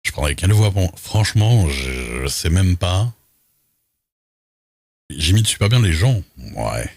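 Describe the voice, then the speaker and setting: Male streamer with a strikingly low, husky voice, dry and close, casual and rambling. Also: sing-song, unhurried, a little mellow, dry recording. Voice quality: unusual, very deep voice. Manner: reads rules aloud with loose asides. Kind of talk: casual livestream chat while role-playing.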